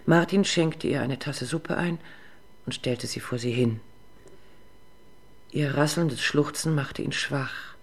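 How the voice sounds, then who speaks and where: A woman reading a literary short story aloud in a composed, even narrating voice. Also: deep voice, vocal fry.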